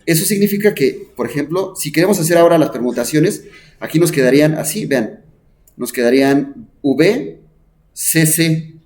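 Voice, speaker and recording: A man gives a math lesson in a classroom. His voice sits a little high, and he thinks aloud at the board. He keeps asking the students questions and pauses on "este". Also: a little mellow. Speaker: math teacher. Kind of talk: classroom lecture.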